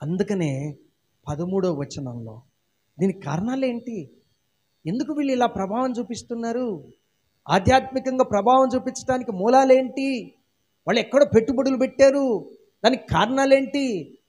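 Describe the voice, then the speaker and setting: Man, Andhra Telugu accent, pastor, high voice, repetitive emphatic preaching, rhetorical questions. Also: lively intonation, moderate pace, long pauses, a little mellow. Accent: Telugu-speaking Andhra region. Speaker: senior pastor. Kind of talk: sermon.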